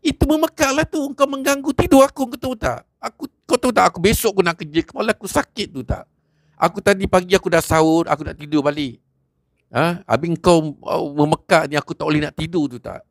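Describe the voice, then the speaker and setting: Hot-headed young village tough, shrill and ranting, a male storyteller doing the voice, dry close sound. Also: fast, dry recording. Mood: furious. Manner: shouting, scolding, high strained voice. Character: angry young village man, short-tempered and rude.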